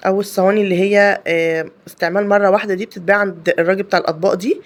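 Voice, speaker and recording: A woman's voice: mid-range voice, steady tone, very fast. A woman with an Egyptian Arabic accent hosting a home cooking video. She explains each step in a chatty way, with many fillers and restarts. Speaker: home cooking channel host. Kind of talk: casual cooking tutorial voice-over.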